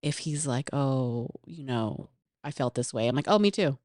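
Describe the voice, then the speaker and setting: A woman's voice: extremely low pitch, lively intonation, normal speed, darkish tone, no room sound, studio quality. A young adult woman, a guest on a podcast, talking casually with many "like" fillers and acting out little quoted exchanges. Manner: chatty, lots of "like" fillers, quotes herself. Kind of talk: casual chat.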